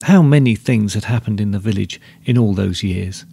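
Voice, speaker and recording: Man with a gravelly reading voice. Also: on the low side, moderate pace, mellow, dry recording, studio quality. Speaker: podcast host reading a story. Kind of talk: storybook narration.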